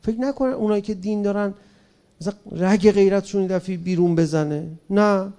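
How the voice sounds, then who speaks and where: A man giving an impassioned public speech, questioning his listeners directly and swinging between loud emphatic bursts and quiet asides. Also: high voice, clear, resonant tone. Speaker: public speaker.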